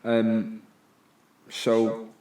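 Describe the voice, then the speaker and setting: Low-voiced man, echoey room. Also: monotone, very slow, mellow, far from the mic. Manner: informal, sweary. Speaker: fighter interviewed as podcast guest. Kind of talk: casual podcast chat. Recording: roomy, echoey sound.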